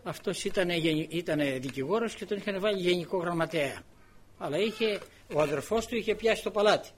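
Older guy preaching, tells a story and does all the voices, pitch swinging all over, bit high. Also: animated, a little hiss or hum. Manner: acts out quoted dialogue, repeats words. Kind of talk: sermon with personal anecdote.

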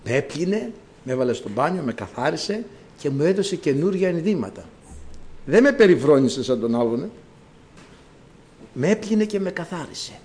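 A man preaching a sermon in a church, swinging between quiet explanation and loud cries of praise, and reading scripture aloud in a slow formal cadence. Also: on the high side, very animated.

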